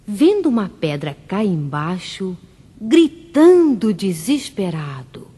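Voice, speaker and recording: A woman reading a rhymed children's story for radio in a slow, sing-song way. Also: mid-range voice, very animated, warm tone, husky, big-room sound.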